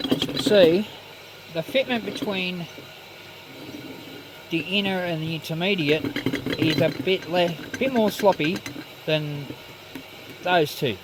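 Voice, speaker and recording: A man giving casual, matter-of-fact, step-by-step narration of hands-on metalwork. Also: sits high. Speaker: DIY metalworking presenter. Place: home metal workshop. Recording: clear machinery noise in workshop. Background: saw running, clicks and machine noise.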